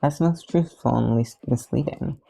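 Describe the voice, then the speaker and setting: Reader doing friendly young speedster, rambling, louder, brighter. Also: medium pitch, moderate pace, gravelly, slightly rough. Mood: upbeat. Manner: friendly, rambling, self-correcting. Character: upbeat fast young male speedster.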